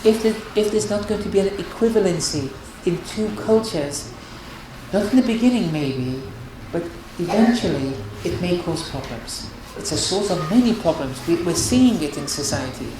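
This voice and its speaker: A woman's voice: fairly low pitch, animated, normal speed. A woman giving an earnest religious lecture on marriage, counselling her listeners and often restarting her phrases. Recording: very echoey hall with noise.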